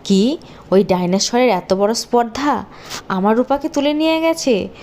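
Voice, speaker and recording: A woman voicing a doting, hot-tempered village father in a cartoon, talking in a loud, emotional way. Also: a little high, measured pace, soft background music. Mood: angry. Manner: shouting, emotional. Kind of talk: cartoon voice acting.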